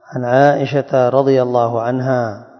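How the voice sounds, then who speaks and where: Male hadith teacher, deliberate lecturing delivery, recorded dull and lo-fi in a reverberant hall. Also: medium pitch, little pitch movement. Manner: reads a chain of narrators, then explains slowly and deliberately; questions his students. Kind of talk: religious lesson reading and explaining hadith.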